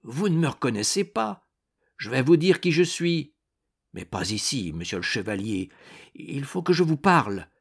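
A man's voice: medium pitch, big pitch swings, moderate pace, vocal fry, slightly rough, full character voice. A man doing a small secretive steward. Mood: earnest. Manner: earnest, eager to explain.

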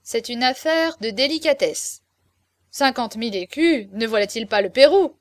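A woman reading aloud, voicing a drunk young nobleman who keeps insisting on being heard, in a loud and pushy tone. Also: on the high side, lively intonation, moderate pace, dry recording, close to an everyday voice. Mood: tipsy, insistent.

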